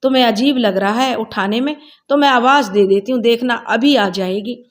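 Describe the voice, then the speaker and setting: A woman's voice: fairly high pitch, normal speed, close to an everyday voice. A woman voicing a friendly, bustling middle-aged mother who talks in a coaxing, homely way in a storybook reading.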